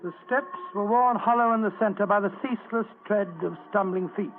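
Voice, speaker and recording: A man's voice: high voice, a little fast. An actor playing a genteel, blustering older English doctor who tells his story floridly in a radio drama. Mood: suspenseful narration. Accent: British. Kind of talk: old radio drama narration and acting. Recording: tinny, noisy old radio recording.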